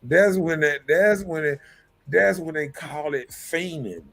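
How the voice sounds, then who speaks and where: A man chatting casually as a co-host, telling stories with a lot of swearing and speech, getting loud when worked up. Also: a little high, slow, creaky, soft background music. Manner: animated, profane storytelling, swings loud when worked up. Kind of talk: casual chat.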